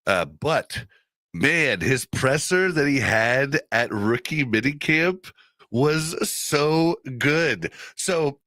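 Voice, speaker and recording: A man's voice: medium pitch, lively intonation, drawn-out words, pushed and bright, dry recording. A man co-hosting a casual sports podcast, talking with a slight lisp from a retainer in a laid-back, rambling way. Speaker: podcast co-host.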